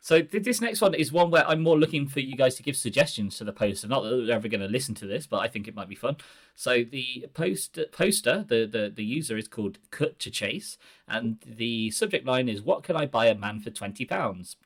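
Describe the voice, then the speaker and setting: A man hosting a podcast, reading forum posts aloud in a measured, earnest way. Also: medium pitch, expressive. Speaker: podcast host.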